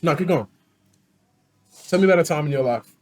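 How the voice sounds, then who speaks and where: A man's voice: a little high, brisk, darkish tone, slight background noise. A young man hosting a food challenge with casual, blunt, chatty banter. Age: young adult. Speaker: host asking questions in a food challenge.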